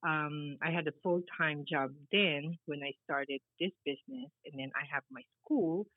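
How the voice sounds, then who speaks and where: A woman's voice: sits low, normal speed, husky, dry recording. Middle-aged woman as interview guest; meandering, filler-heavy answers over a tinny, dry line. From Philippines. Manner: rambling, many fillers, laughs easily. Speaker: guest, baker and business founder.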